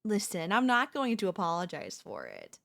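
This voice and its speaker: In a comedic audio roleplay, a woman plays a cocky, chatty female zombie hunting a human survivor, teasing and persuading the listener directly. Her heavily acted voice sits on the low side with huge pitch swings, vocal fry and a fairly bright tone. The delivery is casual, playful, taunting, slangy and drawn out.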